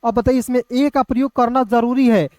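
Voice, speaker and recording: High-voiced man teaching, quizzing viewers. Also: steady tone, fairly quick, darkish tone, no echo. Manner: repeats rhetorical questions to viewers. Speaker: English teacher. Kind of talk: casual classroom lesson.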